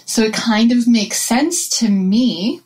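A woman's voice: fairly high pitch, animated, slow, darkish tone, slightly rough. A woman co-hosting a casual wellness chat, chatty and prone to restarting her sentences.

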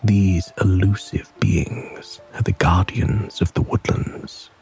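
A man narrating a soothing sleep story and guided relaxation in a calm, gentle, soft breathy voice. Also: low voice, slow pace, whispered, soft background music.

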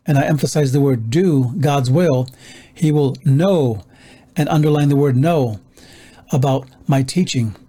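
Husky, mellow-voiced man preaching a sermon. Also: fairly high pitch. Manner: measured, earnest teaching with scripture quotes.

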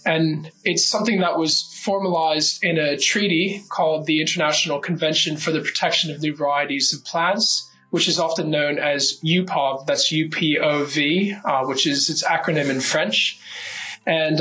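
A man's voice: on the high side, steady tone, normal speed, pushed and bright, low-quality recording. A man giving careful, methodical explanations as a guest in a podcast interview, with frequent "uh" fillers. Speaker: guest legal researcher.

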